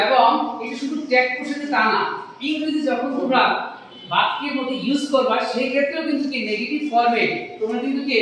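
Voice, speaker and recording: A man teaching an English grammar lesson to his students. He asks questions and answers them himself, and drags out recited word pairs slowly. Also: very high voice, fairly bright tone, a little hiss or hum. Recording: very echoey room, mic at a distance.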